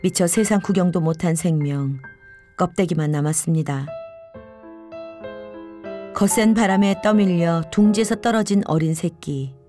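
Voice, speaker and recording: A woman's voice: lowish voice, measured pace, long pauses, warm tone. Woman narrating a nature documentary over music. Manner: storytelling, speaking as one of the river's birds. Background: background music.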